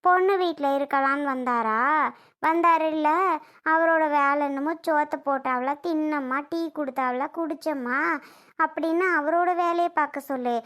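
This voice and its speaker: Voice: sits high, normal speed, fairly bright tone. A performer playing an angry, proud middle-aged sister-in-law who keeps firing accusing questions in a family drama skit. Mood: indignant. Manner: accusing, demanding, repeats her questions.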